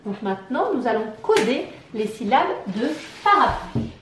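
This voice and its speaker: A woman with a French accent, teaching syllables to a young child, clapping out each syllable slowly and asking questions. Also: fairly high pitch, big pitch swings, a bit bright, roomy sound, a little hiss or hum. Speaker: preschool teacher. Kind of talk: slow, sing-song phonics lesson for young children.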